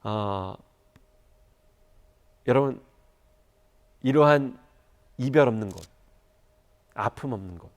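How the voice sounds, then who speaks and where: A man's voice: mid-range voice, slow pace, pauses often. A Korean man preaching a church sermon, telling a moving story and rising to fervent appeals. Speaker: pastor.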